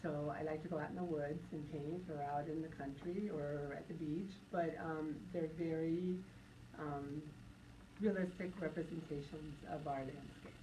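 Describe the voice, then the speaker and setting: A woman landscape painter who grew up in Florida, speaking in a measured, thoughtful way as a radio guest. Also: low-pitched, steady tone. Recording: distant mic with audible hiss.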